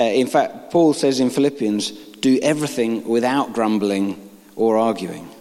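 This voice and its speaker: A preacher with a medium-pitched, slightly mellow voice gives an informal sermon, reading scripture aloud and making joking asides to the congregation. The long reverb of a large hall surrounds him.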